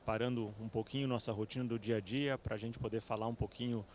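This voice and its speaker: Relaxed man presenting on a stage. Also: lowish voice, quick pace, a little hiss or hum. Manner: relaxed, fillers like "né", self-correcting. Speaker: company executive panelist. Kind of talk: conference presentation. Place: event stage with audience.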